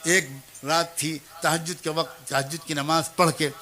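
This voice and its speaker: A man delivers a sermon as a moving story, his voice high and bright. He speaks the lines of the teacher, the child and the mother himself, with plenty of feeling. Now and then he turns to address mothers and young people directly. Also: flat delivery. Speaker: preacher.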